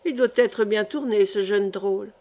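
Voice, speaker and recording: A woman's voice: mid-range voice, moderate pace, darkish tone, natural voice. A woman reading the part of a boastful, greedy young man getting drunk at a feast. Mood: tipsy swagger.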